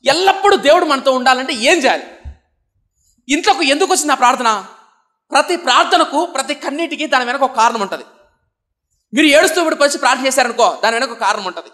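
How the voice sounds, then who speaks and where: A young man from Andhra Pradesh, India, preaching a sermon, asking the congregation rhetorical questions and swinging between loud emphatic lines and soft low passages. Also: lively intonation, quick pace. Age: young adult.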